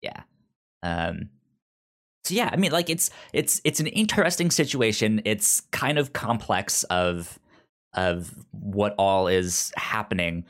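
Speaking slowly and expressively, this young podcast co-host has a lowish, slightly bright voice. His casual review chat is marked by a heavy stutter, with many words restarted again and again.

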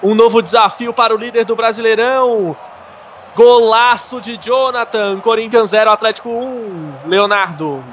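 A man with a Brazilian Portuguese accent doing explosive live football goal commentary, shouting and stretching out his words. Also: extremely high pitch, fairly even intonation, moderate pace, some chatter behind, a little hiss or hum.

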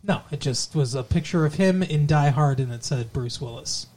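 A man's voice: fairly high pitch, moderate pace, darkish tone. A man co-hosting a podcast in casual chat, goofy and rambling, swearing freely. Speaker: podcast co-host.

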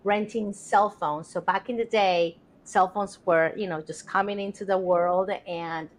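A middle-aged Spanish-speaking woman from Colombia tells her story as a podcast guest in casual interview storytelling, earnest and reflective with many fillers. Her mid-range voice is steady and measured, with a little hiss or hum in the recording.

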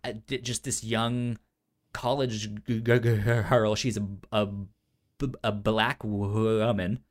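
Slow and level in tone, this podcast host's lowish voice carries a casual pop-culture show. He talks in a slangy, informal way, frequently stumbling over and repeating syllables.

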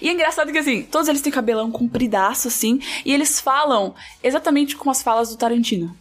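A woman talking fast and telling stories in a casual podcast chat. Her voice sits fairly high, and she acts out lively quotes as she goes. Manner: animated storyteller, acts out quotes. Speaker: podcast guest.

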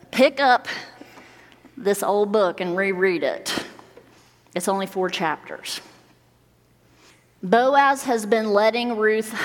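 In a large church sanctuary, a medium-pitched woman who serves as minister of students and young adults delivers a conversational sermon. She is playful and tosses in joking asides, and the recording carries a long hall reverb.

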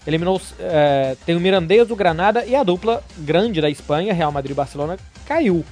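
A Brazilian man hosts a relaxed football chat podcast. His voice is a little higher than average, and light music sits behind it. He talks conversationally, as to a colleague. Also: a little fast. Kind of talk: casual sports chat.

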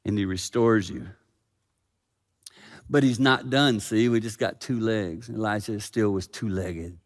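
A man preaching a sermon as pastor, swinging from loud dramatic peaks to hushed quiet. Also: fairly low pitch, unhurried. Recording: long reverb of a hall.

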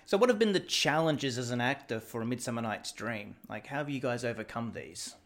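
Male interviewer for a relaxed podcast chat, medium pitch, brisk delivery. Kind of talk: casual interview.

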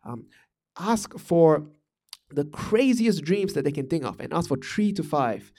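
A Malaysian podcast host discusses management at a measured pace, his fairly high voice darkish and lively in intonation. He reflects casually on his own, often restarting and leaning on fillers.

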